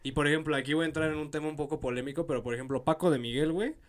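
A man's voice: fairly high pitch, steady tone. A young man with a Mexican Spanish accent, co-hosting a casual podcast chat, rambling and full of slang. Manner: rambling, fast, peppered with slang. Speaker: podcast co-host.

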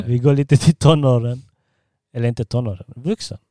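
A man in his thirties from Serbia hosts a relaxed podcast chat in his own home. He tells family stories with frequent laughter, in a dry, close-sounding recording. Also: mid-range voice, dry recording. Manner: laughs often while telling stories. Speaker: podcast host. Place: living room at home.

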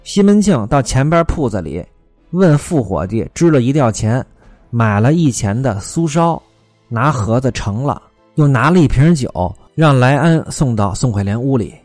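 A man telling a classic story in a traditional storyteller's manner, his pitch moving lively up and down. He sits close to the mic in a dry space, with faint music underneath. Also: normal speed, no echo. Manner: lively, with asides to listeners.

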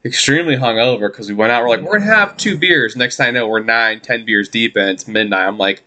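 Thirties male podcast host, mid-pitched, rambling self-deprecating storyteller. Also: quick pace, sharp tone. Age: 30s. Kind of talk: casual chat.

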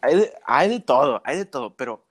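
A man's voice: medium pitch, moderate pace, no room sound. Slangy young Mexican man chatting. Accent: Mexican Spanish. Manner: slangy, laughing, animated storytelling. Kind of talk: casual chat.

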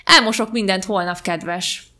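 A woman reading aloud and voicing a cheerful, pushy young woman who talks eagerly and calls out loudly. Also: medium pitch, close to an everyday voice.

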